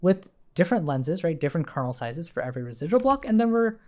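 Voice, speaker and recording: Very animated and quick, a man with a high-leaning, mellow voice runs an informal live coding lesson as a programming instructor. He describes each step while typing and keeps checking in with short tag questions.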